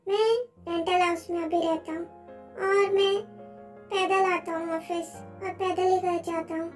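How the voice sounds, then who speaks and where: Woman playing a lovesick young boyfriend, very high voice, soft and coaxing, fan dub, faint music behind. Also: flat delivery, measured pace. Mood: tender. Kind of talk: amateur Hindi fan dub.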